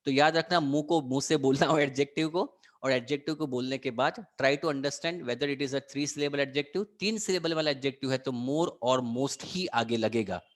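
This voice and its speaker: A man's voice: mid-range voice, normal speed, hardly any pauses. A man with an Indian English accent giving an online lecture, mixing Hindi and English and drilling students on words. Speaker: English teacher.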